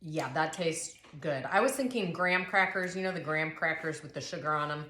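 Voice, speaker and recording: A woman's voice: low voice, brisk, pushed and bright. A woman chatting casually as co-host of a snack taste test, eating crunchy chips between remarks. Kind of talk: casual chat while tasting food. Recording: echoey room with clear noise.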